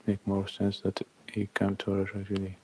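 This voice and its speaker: A man in his thirties from Algeria, chatting casually on a livestream, reading out and thanking viewers' comments in halting speech. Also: low voice, completely flat delivery, warm tone, slightly rough. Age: 30s. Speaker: livestream host. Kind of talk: casual live-stream chat.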